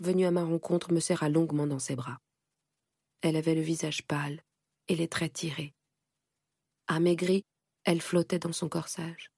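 A woman narrates a first-person audiobook in a measured, steady way. Her voice is low and gravelly with a husky edge. The recording is close and dry, with no room sound. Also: dry recording.

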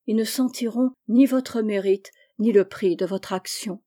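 An urgent, stern army captain, read by a woman in an audiobook, pressing and pleading. The tone stays mellow and dark. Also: mid-range voice, measured pace, lightly acted. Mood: grave.

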